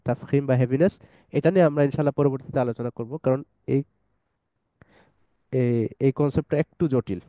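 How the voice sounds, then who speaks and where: Male tajweed teacher, patient step-by-step explainer, mellow tone, dry close sound. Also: medium pitch, dry recording, rough recording. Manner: patient step-by-step explaining, recites verses slowly. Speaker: Quran recitation teacher. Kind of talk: online tajweed lesson.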